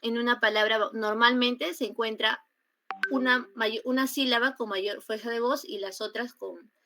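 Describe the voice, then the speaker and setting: A young woman with a Peruvian Spanish accent giving an online grammar class, explaining slowly with many fillers and repetitions over a computer mic. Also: fairly high pitch, steady tone, noisy background. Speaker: student tutor teaching grammar. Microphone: computer mic on a video call.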